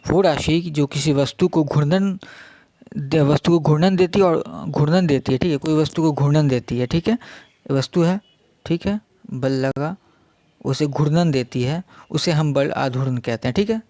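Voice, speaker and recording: A young man teaching a casual exam-prep physics lesson, speaking slowly and repeating himself, constantly checking in with his listeners. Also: on the high side, a little mellow, no echo. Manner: slow, repetitive, checks in with "theek hai" constantly.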